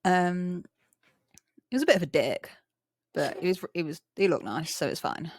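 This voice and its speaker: A young English woman with a rough, chav-style slangy accent, chatting casually and candidly. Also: lowish voice, lively intonation, normal speed, no room sound, studio quality. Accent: English, chav-style street slang. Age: young adult. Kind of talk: casual chat.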